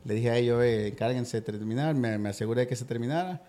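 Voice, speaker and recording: A man in his thirties from Ecuador, speaking as a guest on a podcast. He tells his story in an easygoing way, with many hesitations, in a voice of ordinary pitch. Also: fast. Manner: relaxed storytelling, frequent hesitations. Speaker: guest, construction business owner. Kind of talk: casual podcast interview.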